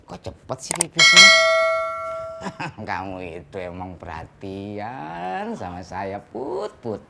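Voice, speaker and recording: A man's voice: fairly low pitch, big pitch swings, takes it slowly, creaky, heavy background noise, heavily acted. A man playing a bossy boss getting a massage, talking in a lazy drawl. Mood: drowsy.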